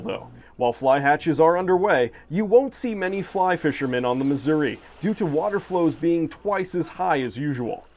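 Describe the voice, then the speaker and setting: Young man, TV reporter, scripted narration, slightly high voice, measured delivery. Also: darkish tone, a little hiss or hum. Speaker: field reporter.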